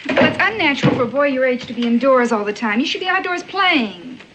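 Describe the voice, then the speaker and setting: A woman playing a brisk, fussing frontier mother in a western drama. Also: high-pitched, animated, fairly bright tone, slight background noise. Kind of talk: period western screen acting.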